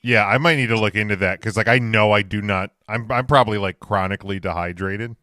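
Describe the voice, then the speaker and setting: A man's voice: on the low side, a little fast, bright, forceful tone, no room sound, clean studio sound. A man hosting a casual podcast with friends, who swears and laughs easily as he runs the segment. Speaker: podcast host. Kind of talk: casual banter among friends.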